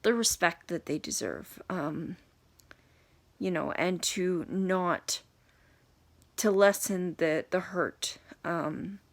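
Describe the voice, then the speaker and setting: Young woman, lowish voice, very unhurried, hesitant, frequent fillers, unscripted video blog. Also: lively intonation. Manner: halting, hesitant, with many pauses and fillers. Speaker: video blogger reviewing a book. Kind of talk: unscripted talk to camera.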